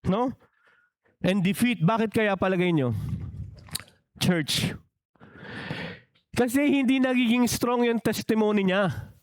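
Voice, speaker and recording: A pastor delivers a bilingual sermon, often turning to the congregation with questions. His voice sits high for a man. The sound is dry, with little room echo. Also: slow, long pauses.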